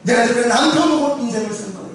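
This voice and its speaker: A preacher voicing a tearful praying wife. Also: male voice, extremely high pitch, racing, recorded from a distance, voice pushed up. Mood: resolving. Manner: pleading, lamenting prayer. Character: despairing pastor's wife praying in tears. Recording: very echoey church hall from afar, faint noise.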